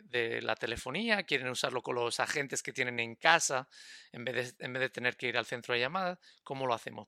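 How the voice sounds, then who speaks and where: A man with a very bright, crisp voice explains technology as a podcast guest. He talks in a stop-start way and often repeats words while he searches for the next one. The sound is dry and close. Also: mid-range voice, no echo. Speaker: guest expert.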